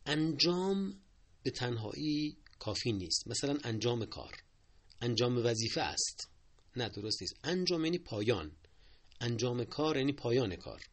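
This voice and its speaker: A man's voice: mid-range voice, expressive. A man giving a spoken lesson on correct word usage, patient and explanatory, often repeating his points and asking listeners to take careful note. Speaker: Persian language teacher.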